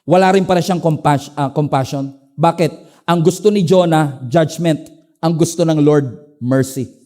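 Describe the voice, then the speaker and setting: Middle-aged male Filipino pastor, high-pitched, animated sermon storyteller with dramatic swings in emphasis. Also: measured pace. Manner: animated storytelling, swings between emphatic highs and low asides. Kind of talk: preaching a sermon in Taglish.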